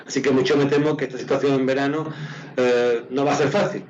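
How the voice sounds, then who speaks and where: A dull, muffled call with clear noise carries a man with an Andalusian accent. He speaks at a middle pitch as an interviewee. His explanations are measured and hesitant, with words often repeated. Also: fairly even intonation, darkish tone. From Andalusia, Spain. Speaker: doctors' union president, interviewee. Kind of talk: interview answer. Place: remote call into a TV programme.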